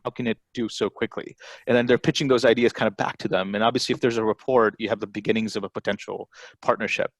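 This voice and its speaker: A man's voice: on the low side, steady tone, fast talker, no room sound. A man raised in Texas, giving an informal conference talk over a video call, chatty and sprinkled with "you know" and "right?". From born in Bangladesh, raised in Texas. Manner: conversational, tag questions and frequent fillers. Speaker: angel network CEO giving a presentation. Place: remote, presenting from home over a video call.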